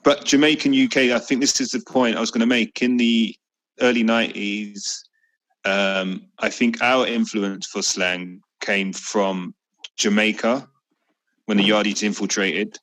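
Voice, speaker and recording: A middle-aged man leads a casual family conversation. His voice sits low and unhurried. He tells stories with an easy, joking manner. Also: poor audio. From East London. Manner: relaxed storytelling, jokey asides.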